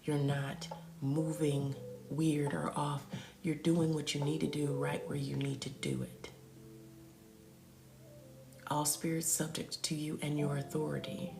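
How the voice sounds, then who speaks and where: Low gravelly woman giving soothing spiritual reading. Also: flat delivery, unhurried, pauses often. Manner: soothing, affirming, calls listeners pet names, often half-whispered. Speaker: spiritual reader on a live stream. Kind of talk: live spiritual reading, addressing viewers. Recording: echoey room with music behind.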